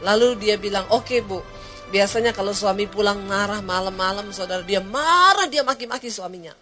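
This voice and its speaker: A woman's voice: mid-range voice, fairly quick, soft background music. A woman preaching a sermon, telling a story and acting out its dialogue, rising to emphatic peaks. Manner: lively, acts out dialogue, rises to emphatic peaks.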